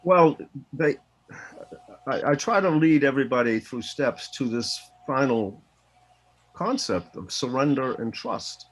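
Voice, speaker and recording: A man speaking as a guest over a video call, telling stories in an earnest, animated way. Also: mid-range voice, a little slow, rough recording. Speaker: interview guest. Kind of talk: casual interview.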